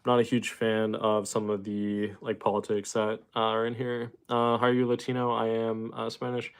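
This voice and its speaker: A man's voice: lowish voice, monotone, moderate pace, smooth. A young man from Boston hosting a casual livestream, greeting chatters and rambling with lots of fillers. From Boston, Massachusetts. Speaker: livestream host. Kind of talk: casual livestream chat reading viewer comments.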